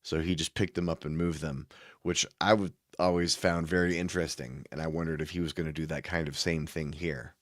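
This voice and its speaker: A man's voice: rumbling low, steady tone, fairly quick, fairly bright tone, dry recording, studio quality. A man co-hosting a podcast, talking casually and rambling with many fillers and restarts. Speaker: podcast co-host. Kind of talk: casual chat.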